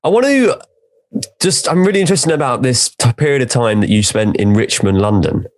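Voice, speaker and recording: A male show host introducing tracks and asking questions in a brisk, eager, casual manner. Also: medium pitch, expressive.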